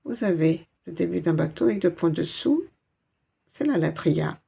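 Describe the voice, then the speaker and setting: A woman's voice: fairly low pitch, animated, normal speed, vocal fry, warm tone, breathy edge. A woman teaching a step-by-step Arabic reading lesson in French, patient and explaining each letter and sound.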